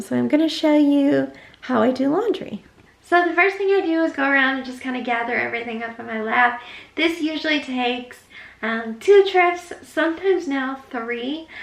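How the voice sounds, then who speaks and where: This vlogger is a young woman with a high-pitched voice and vocal fry, chatting casually as she explains each step of her home routine. The walkthrough takes place in a narrow laundry room and kitchen, and the room echoes.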